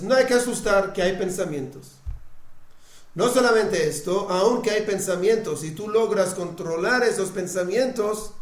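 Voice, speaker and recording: High-voiced man teaching in an echoey room. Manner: checks understanding often with short questions; restarts and repeats words mid-sentence. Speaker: religion teacher. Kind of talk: classroom lecture on Torah.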